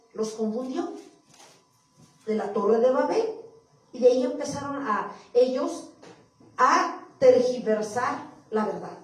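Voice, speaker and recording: A woman with a high voice preaches to her church, reading verses aloud and going over them again for her listeners. Her voice rings through a very reverberant hall and sounds like it was picked up from some way off. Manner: reads scripture aloud, repeats verses, addresses the congregation. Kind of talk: sermon. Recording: echoey hall, far from mic.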